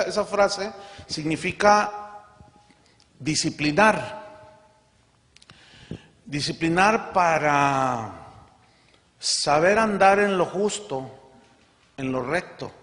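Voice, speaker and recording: A man's voice: high-pitched, fairly bright tone. A man preaching a sermon as pastor, emphatic and full of rhetorical questions. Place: large conference hall. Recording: long hall reverb.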